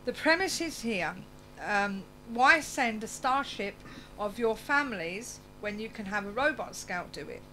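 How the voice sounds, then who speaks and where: A woman's voice: on the high side, expressive, unhurried, bright, forceful tone, low-quality recording. A woman hosting a radio show, reading aloud with chatty asides and stumbling over words, her speech slightly slurred as if from loose dentures. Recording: clear background noise and hum.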